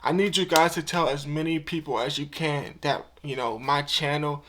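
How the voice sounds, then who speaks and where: On the high side and a bit bright, his voice holds a steady tone at a moderate pace, with some hiss or hum present. He's a YouTuber in his twenties making a heartfelt, emotional vlog, speaking casually with slang and often repeating himself.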